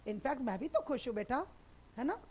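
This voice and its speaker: Female tutor, high pitch, affectionate and reassuring, live online class. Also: very animated, moderate pace, darkish tone, breathy edge. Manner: affectionate, reassuring, calls students beta. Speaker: sociology teacher.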